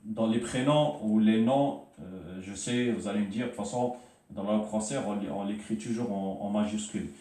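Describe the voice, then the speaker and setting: A man's voice: lowish voice, warm tone, distant mic. Hesitant man teaching in an echoey room. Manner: hesitant, repeats words, spells sounds out slowly. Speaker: Arabic teacher. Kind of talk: informal spoken lesson at a board.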